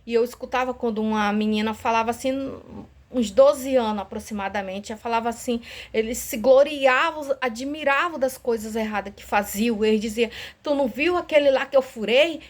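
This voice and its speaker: A woman telling her dream as an emotional spoken testimony, earnest and pleading, acting out her prayers aloud and anxious, her heart racing. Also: a little high. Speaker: church member sharing a dream.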